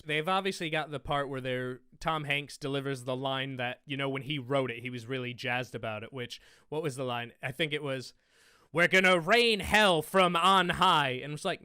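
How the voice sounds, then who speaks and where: A man's voice: medium pitch, lively intonation, moderate pace, few pauses, fairly bright tone, smooth, no room sound, clean studio sound. A man hosting a film quiz, sarcastically recapping a movie trailer in casual chat. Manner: sarcastic, mocking. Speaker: quiz show host.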